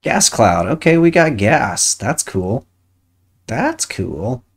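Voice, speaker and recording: A woman's voice: a bass voice, big pitch swings, slow pace, slightly rough. Chatty woman streamer muttering at a game. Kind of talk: casual chat while playing a game.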